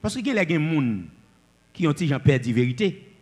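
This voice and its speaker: Husky-voiced male preacher, high and animated, booming declamations then quiet asides. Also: normal speed, long reverb tail. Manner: swings between loud declamations and low asides. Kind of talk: sermon.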